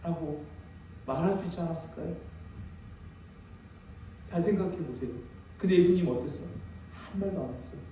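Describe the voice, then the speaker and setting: A man's voice: a little high, normal speed, pauses often, warm tone, slight background noise. A man preaching an emotional sermon as pastor, dramatic and emphatic, with many rhetorical questions. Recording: very echoey hall, distant mic.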